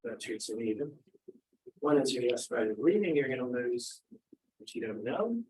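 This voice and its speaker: A man's voice: medium pitch, expressive, moderate pace, darkish tone, poor audio. A man giving a philosophy talk and answering questions, thinking aloud with frequent restarts. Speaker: speaker. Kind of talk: academic talk and Q&A.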